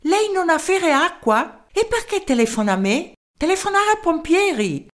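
A woman's voice: very high voice, sing-song, moderate pace, pitched above the performer's own voice. A woman voicing a fussy foreign male professor with a put-on German accent and broken, clipped speech. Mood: brusque. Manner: broken grammar, clipped impatient replies.

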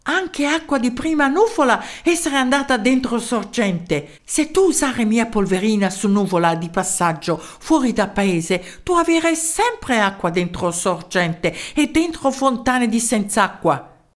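An eccentric male inventor from abroad, put on by a woman reading a storybook. He talks slowly in broken, simplified Italian, his voice lifted well above the reader's own. The lines rise and fall with lively pitch. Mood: didactic. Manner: broken Italian, halting and slow.

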